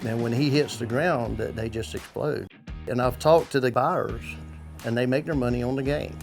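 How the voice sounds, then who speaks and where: Gravelly-voiced man in interview. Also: mid-range voice, normal speed, faint music behind. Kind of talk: casual interview testimonial.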